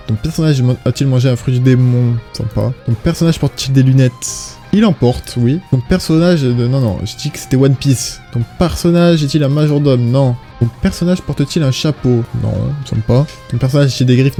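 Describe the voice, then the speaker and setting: A man's voice: medium pitch, fairly quick, few pauses, warm tone, soft background music. A young man casually commenting on a guessing game, reading each question aloud and answering with hesitant fillers. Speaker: YouTuber.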